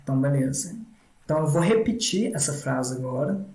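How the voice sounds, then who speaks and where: A man with a Brazilian Portuguese accent walks through a tutorial one step at a time. His voice sits somewhat high for a man. He repeats points patiently and recorded in a room with noticeable echo. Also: animated, a little fast, mellow, a little hiss or hum. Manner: repetitive, instructive, frequent "né" tags. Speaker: English teacher.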